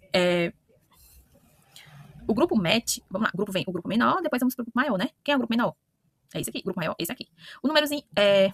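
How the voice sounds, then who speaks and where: Woman, chemistry teacher, rapid bright delivery, lots of "né?", dry close sound. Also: medium pitch, breathy edge, dry recording. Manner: talks to students directly with frequent questioning "né?" and self-corrections. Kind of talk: online lesson explaining to students.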